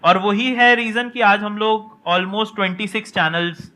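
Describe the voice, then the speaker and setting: A man speaking in a measured, explanatory way as a business co-founder on a discussion panel, mixing English words into Hindi. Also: high-pitched, sharp tone. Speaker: co-founder of an online coaching channel. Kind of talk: conversational panel talk.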